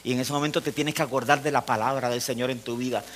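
A man preaching a sermon, telling a personal story and often dropping low and soft for emphasis. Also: steady tone, fast talker, a little hiss or hum.

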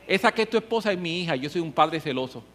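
A man preacher voicing God as a stern divine father who scolds his listeners loudly and emphatically. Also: fairly high pitch, animated, fast. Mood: stern scolding. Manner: loud, emphatic, reproachful.

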